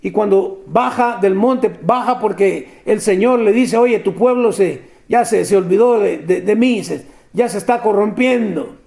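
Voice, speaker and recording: A man preaching a lively sermon, talking straight to his listeners and laughing often. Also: high-pitched, measured pace, vocal fry, hardly any pauses. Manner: animated, addresses listeners directly, laughs often.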